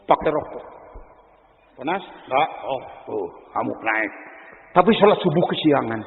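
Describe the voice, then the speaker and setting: A man with a Sundanese accent preaching a sermon, dramatic, swinging between loud exhortation and hushed asides. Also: mid-range voice, lively intonation, moderate pace, creaky, long reverb tail, phone-quality sound. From West Java, Indonesia.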